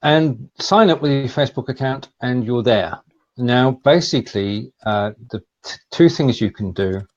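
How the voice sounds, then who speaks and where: A man with a Lancashire accent hosting a live online show, explaining things in a casual, halting, chatty way over a video call. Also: medium pitch, expressive, a little mellow. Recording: slightly dull, lo-fi sound.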